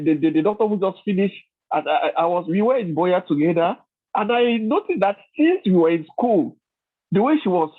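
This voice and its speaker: A man, a doctor attending a webinar, speaking effusively and haltingly over a call. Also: on the high side, breathy edge. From Cameroon. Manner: effusive, halting, repeats himself. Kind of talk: grateful remarks in a webinar. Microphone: phone or video call. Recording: tinny call line.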